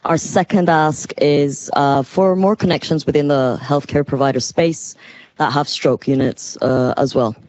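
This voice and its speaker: A man giving a brief, conversational pitch as a startup founder on a panel. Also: steady tone, a little slow, a little mellow, no echo. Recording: dull, dry lo-fi panel recording.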